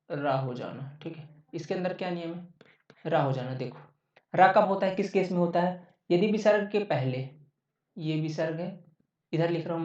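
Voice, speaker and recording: A man's voice: a little high, darkish tone. A male teacher giving an online exam-prep lecture, repeating each point and answering his own questions. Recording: roomy, distant, dull lo-fi sound.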